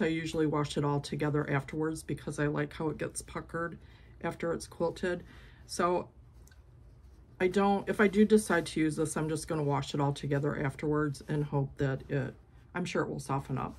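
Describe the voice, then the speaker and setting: This sixty-something quilter's voice sits low and is a little mellow as she does an easygoing show-and-tell of her work. Filmed at arm's length on her phone in her home craft room, she wanders through her thoughts with frequent ums and restarts.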